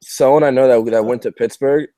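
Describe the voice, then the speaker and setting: A man's voice: medium pitch, steady tone, fairly quick, warm tone, no echo. A young man in his twenties chatting casually about sports, blunt and offhand.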